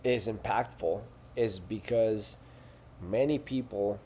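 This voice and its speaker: Low, mellow-voiced man coaching. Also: takes it slowly, slightly rough. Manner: earnest, conversational, with fillers and rhetorical "right?". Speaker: fitness coach. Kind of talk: coaching talk to camera.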